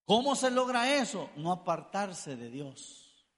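High-voiced preacher in an echoing hall. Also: male voice, very animated, slow, a bit bright. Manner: addresses listeners as brother, with rhetorical questions and joking asides. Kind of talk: sermon. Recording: echoey hall with long reverb.

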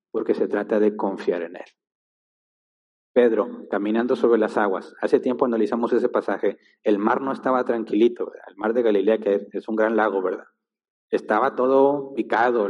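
Preacher in a dull, echoing hall. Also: male voice, on the low side. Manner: emphatic, keeps asking rhetorical questions. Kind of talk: sermon. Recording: long-reverb hall, dull lo-fi sound.

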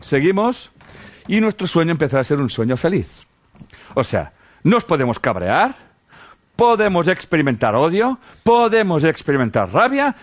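Animated Spanish man giving a spiritual talk. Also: medium pitch. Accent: Spain. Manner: animated, rhetorical questions, earthy slang, calls listeners sweethearts. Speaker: spiritual teacher. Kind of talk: casual spiritual talk to a group.

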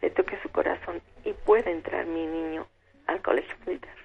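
An older woman with a gravelly voice, calling in to tell a long, devout family story. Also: on the low side, fairly even intonation, brisk, a little mellow. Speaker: radio caller. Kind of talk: tearful personal testimony. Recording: tinny phone line with faint hiss.

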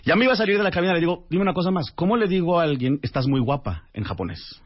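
Animated man telling a story. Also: on the high side, rapid-fire, breathy edge. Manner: animated storyteller acting out dialogue. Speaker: radio guest, author and translator. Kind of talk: storytelling anecdote on radio. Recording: dull lo-fi radio audio.

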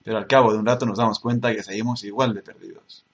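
Gravelly low-voiced yoga teacher. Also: male voice, fairly even intonation. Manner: measured, repeats key words for emphasis. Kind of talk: spoken tutorial.

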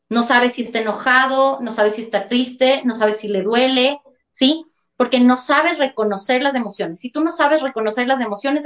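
Earnest woman explaining, slightly high. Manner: earnest, explains with rhetorical questions. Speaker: guest speaker on emotions and trauma. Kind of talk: explanatory talk-show chat. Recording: dull lo-fi sound.

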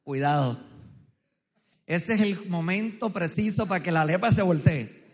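High-voiced coastal preacher, joking. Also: male voice, unhurried. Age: adult, married. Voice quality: loud, strong voice. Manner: joking, storytelling, quizzing the crowd. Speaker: pastor. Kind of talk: humorous sermon with audience interaction. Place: large church hall with tiered seating. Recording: long reverb of a big hall.

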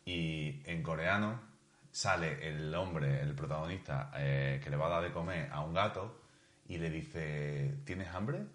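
A man's voice: a bass voice, a little slow, echoey room. A young man co-hosting a casual podcast chat among friends, telling stories animatedly and swearing freely. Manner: animated, swearing, storytelling with mimicked quotes. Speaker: podcast co-host.

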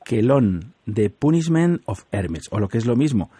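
Dark husky-voiced radio host. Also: male voice, medium pitch, very animated, measured pace, dry recording. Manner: chatty, laughs often, explains word origins. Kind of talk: casual radio chat.

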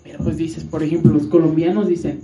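A man's voice: a little high, flat delivery, a little fast, vocal fry, warm tone, far from the mic, soft background music. Young Mexican man, roomy off-mic chat. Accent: Mexican Spanish. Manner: crude slang, stammering restarts, mock accents. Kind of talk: casual podcast banter.

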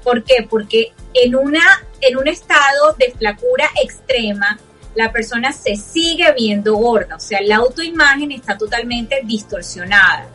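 A woman's voice: fairly high pitch, a bit bright, husky. A woman in a casual panel chat about parenting, telling stories animatedly and acting out the dialogue she quotes. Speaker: co-host.

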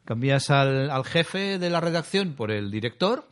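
A man's voice: mid-range voice, expressive, unhurried, clean tone. A man in casual chat, chatty and nostalgic, laughing often as he talks. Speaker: comics podcast co-host.

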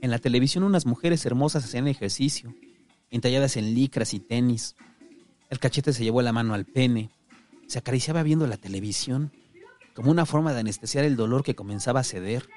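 Steady male storyteller. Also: mid-range voice, brisk. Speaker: narrator. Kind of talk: audiobook narration.

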